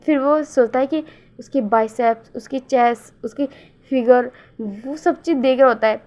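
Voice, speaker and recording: High-voiced woman telling a story. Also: dark tone. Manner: halting, fills pauses with hmm. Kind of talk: casual story reading. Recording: dull lo-fi recording.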